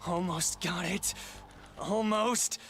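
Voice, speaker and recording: A man's voice: high-pitched, steady tone, slow, music in the background. A man playing an earnest, determined, foul-mouthed young hacker hero in a web series, delivered like an anime protagonist. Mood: urgent, determined. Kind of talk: dramatic web machinima voice acting.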